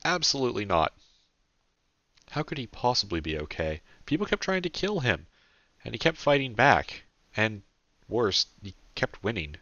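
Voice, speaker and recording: A man narrates his own audiobook in a deep voice with a bright, forceful edge. He tells the story steadily and earnestly. The close, dry home recording sounds a little dull and lo-fi. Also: big pitch swings, normal speed, no echo.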